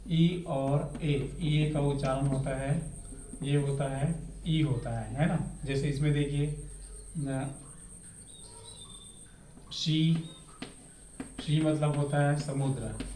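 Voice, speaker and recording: A man gives a classroom-style pronunciation lesson at a very unhurried pace. He asks a question, answers it himself, and repeats each word over and over. The room sounds echoey, with a faint hum of background noise behind him. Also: a little high, dark tone. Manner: slow and repetitive, asks a question then answers it, keeps adding "है ना". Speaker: teacher.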